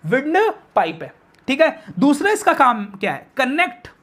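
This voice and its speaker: A male science teacher with a very high, slightly bright voice and big swings in pitch gives a biology lecture in a classroom. He uses English technical terms, answers his own questions, and slowly repeats the key terms to drive them home.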